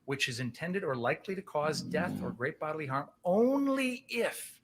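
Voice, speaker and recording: A man's voice: on the high side, huge pitch swings, normal speed, vocal fry, slight background noise. A man speaking as a prosecutor, giving a passionate, emphatic closing argument to a jury, using pointed rhetorical questions and repetition.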